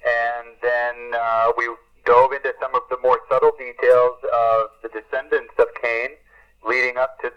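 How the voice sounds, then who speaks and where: Man, over walkie-talkie radio, muffled lo-fi sound, mid-pitched voice, earnest, unhurried, many fillers. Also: flat delivery, smooth. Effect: heard over a walkie-talkie radio link. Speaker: missionary reporting from the field. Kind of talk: two-way radio report, ending turns with "over". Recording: dull lo-fi radio transmission.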